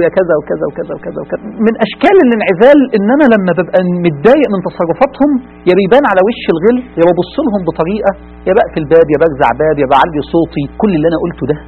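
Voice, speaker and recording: A man with an Egyptian Arabic accent giving an impassioned religious talk-show sermon, swinging from loud appeals to hushed earnest tones. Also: high voice, expressive, racing, narrow, tinny audio, a little hiss or hum. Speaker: preacher.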